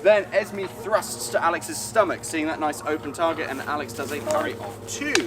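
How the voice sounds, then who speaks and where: A British man, a fight choreographer, walks performers through a sword fight in casual, energetic instruction with playful sound effects. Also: on the high side, normal speed, very noisy. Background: background music.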